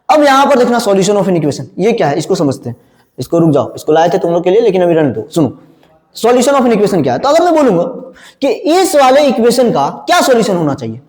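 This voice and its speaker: A man teaching a math class, firing quick questions at his students and answering them himself. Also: very high voice, darkish tone. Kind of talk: classroom lecture. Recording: echoey room with long reverb.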